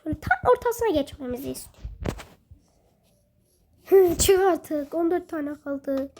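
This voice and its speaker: A woman with a very high voice talks her way through a video game in a chatty, self-mocking way. Her speech is slow and unhurried, and her pitch swings a lot, with frequent exclamations. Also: expressive, a little mellow, a little hiss or hum. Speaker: gaming video host. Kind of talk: casual let's-play commentary.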